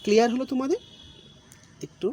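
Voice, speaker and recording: A man's voice: extremely high pitch, expressive, fast, warm tone. A male English grammar teacher giving a recorded lesson, patiently repeating and explaining each rule step by step. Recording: faint background noise.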